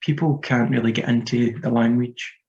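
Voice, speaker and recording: Heard over dull lo-fi audio, a Scottish writer in his thirties rambles hesitantly about his work in a relaxed interview, leaning heavily on fillers. His pitch is medium, his tone steady and darkish, and his pace normal.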